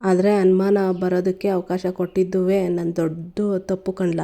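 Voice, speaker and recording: A hopeless young man pouring out despair, as a woman narrator puts him on, in a mellow, flat voice. He sounds like a soap hero at the end of his rope. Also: lowish voice, moderate pace, lightly acted.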